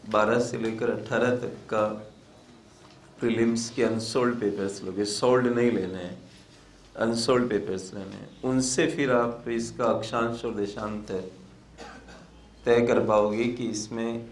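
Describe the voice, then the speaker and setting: A male teacher lectures in a relaxed, conversational way and repeats key points for emphasis. His voice carries around a reverberant room. A faint hum sits underneath. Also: fairly low pitch. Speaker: exam-prep teacher. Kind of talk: casual Hindi lecture on exam preparation.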